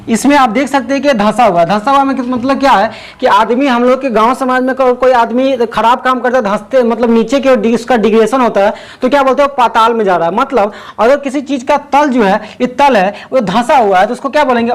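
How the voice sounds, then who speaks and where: A young man from Bihar explaining a physics lesson as a teacher, asking himself rhetorical questions as he goes. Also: very high-pitched. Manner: repetitive rhetorical questions, sings song snippets.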